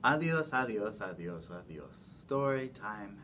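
A young man gives a simple children's language lesson at a slow pace. He sounds distant from the microphone, with room noise around him. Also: lowish voice, big pitch swings, fairly bright tone. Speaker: Spanish word presenter. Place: indoors before a plain backdrop. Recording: distant mic with noisy room ambience.

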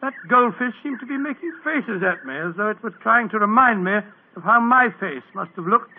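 Old doc watson, stammery n flustered, high gravelly voice. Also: male voice, expressive, brisk, a little hiss or hum. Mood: musing. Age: older. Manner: stammering, fussy, blustery. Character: bumbling, good-natured older doctor, man. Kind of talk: 1940s radio acting. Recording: tinny old radio broadcast.

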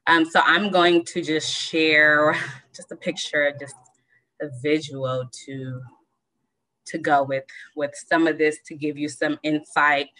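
Woman, low pitch, crisp bright tone, reflective, frequent ums, video call. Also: steady tone, low-quality recording. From Southern California. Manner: measured, many ums, reflective. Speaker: panel guest. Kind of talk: personal storytelling on a video call.

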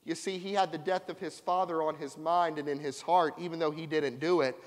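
Preacher with a high voice in a reverberant church. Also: male voice, fairly even intonation, fairly quick. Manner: preaching with call-and-response to the congregation. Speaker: pastor. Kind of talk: sermon. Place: church sanctuary.

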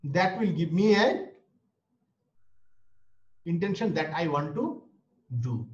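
Speaking slowly with lively intonation, this slightly high-voiced man delivers an online lecture, going over every point twice. He has an Indian English accent and is a native Bengali speaker. It's picked up by a webcam or laptop mic, so the video-call sound is dull and roomy.

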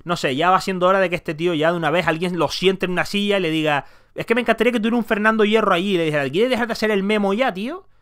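A man's voice: high-pitched, racing, hardly any pauses, fairly bright tone, clean tone. A man giving his opinion in a vlog about football, heated and emphatic, swearing freely. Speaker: football commentator.

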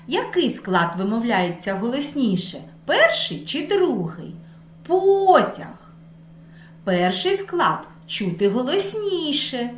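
A woman teaching a preschool class, talking slowly and in a sing-song way, drawing out words to show stress. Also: a little high, sing-song, slight background noise. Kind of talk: slow lesson for small children. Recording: echoey room with faint music.

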